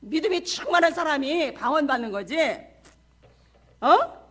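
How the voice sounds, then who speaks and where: A woman's voice: sits high, animated, moderate pace, fairly bright tone. A middle-aged woman missionary preaching a sermon in a church, passionate and full of rhetorical questions to the congregation.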